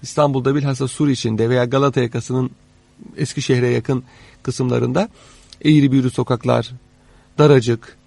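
A man explaining history in conversation as an expert guest, haltingly, pausing mid-sentence and rephrasing as he goes. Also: mid-range voice, fairly even intonation, creaky, a little mellow, dry recording. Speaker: interviewed guest, expert on old Istanbul.

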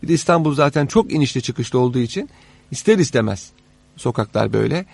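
A man explaining history in conversation as an expert guest, haltingly, pausing mid-sentence and rephrasing as he goes. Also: mid-range voice, expressive, vocal fry, darkish tone, slightly rough, dry recording. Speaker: interviewed guest, expert on old Istanbul.

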